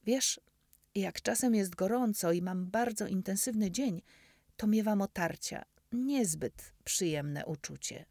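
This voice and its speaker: A woman's voice: medium pitch, animated, unhurried, a little mellow, no echo, clean studio sound, voice pushed up. A woman voicing a friendly, cheerful teenage farm boy in a storybook reading. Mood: weary.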